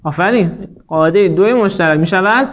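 A man with a fairly high voice leads a grammar class, explaining rules patiently and quizzing his students. He slows down when dictating word forms. The recording is dull and lo-fi. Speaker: Arabic grammar teacher. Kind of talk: classroom lesson. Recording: dull lo-fi sound.

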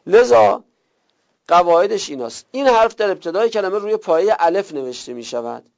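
Gravelly man teaching a lesson. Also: high voice, very animated, muffled recording. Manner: explains step by step, repeating examples. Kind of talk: recorded classroom lesson.

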